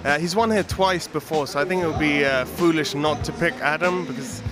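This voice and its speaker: Slightly high man, hesitant organiser. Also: brisk, music in the background. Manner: hesitant, filler-heavy. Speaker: event organiser. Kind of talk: interview answers. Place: large indoor event hall. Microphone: handheld mic.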